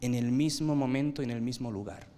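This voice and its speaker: A man preaching a sermon, swinging from loud emphatic bursts to low quiet lines and asking his listeners rhetorical questions. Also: a little fast, a little hiss or hum.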